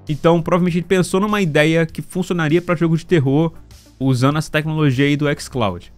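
A Brazilian man giving casual, slangy gaming news commentary, often checking in with short tag questions. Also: on the high side. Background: background music.

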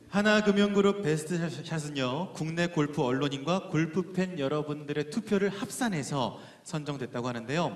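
A man in his thirties formally hosting an awards ceremony from a script on a handheld microphone. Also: on the high side. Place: large banquet hall stage. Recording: echoey hall PA.

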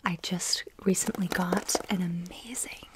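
Young woman, ASMR host, hushed whisper, close-miked, intimate, repeats words. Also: on the low side, steady tone, a little slow, low-quality recording. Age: young adult.

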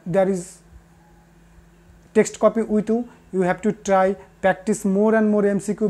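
A woman teacher speaks in a warm, mellow tone. She talks at a middling pitch and says each key answer twice. Short pauses and fillers break up her explanations. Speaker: English teacher. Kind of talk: recorded classroom lesson.

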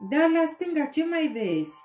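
A woman's voice: high-pitched, sing-song, a little mellow, reverberant, faint music behind, pitched above the performer's own voice. A woman voicing a male army officer who gives urgent orders in an audiobook. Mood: commanding. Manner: urgent, commanding.

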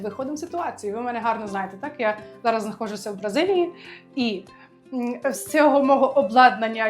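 Chatty woman teaching a language lesson. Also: fairly high pitch. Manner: lively, chatty, addresses viewers directly. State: recovering from illness, clears throat. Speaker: Italian teacher. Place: home, indoors.

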